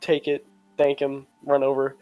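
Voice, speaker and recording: A man's voice: mid-range voice, completely flat delivery, unhurried, warm tone, no echo, lo-fi sound, faint music behind. A man chatting casually as a player in a tabletop game, making polite, tentative requests.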